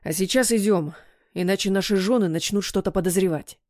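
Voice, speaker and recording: A woman's voice: mid-range voice, fairly quick, a little mellow, no echo, clean studio sound, natural voice. A woman voicing a stern middle-aged businessman father who speaks in firm, clipped phrases in an audiobook. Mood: persuasive.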